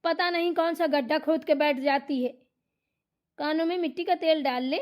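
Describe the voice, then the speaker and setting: A shrill, nagging older mother-in-law from a cartoon comedy, voiced by a woman. She barks orders and insults in a high, pushy voice. Her scolding keeps on coming. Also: fairly even intonation, moderate pace, darkish tone, lightly acted.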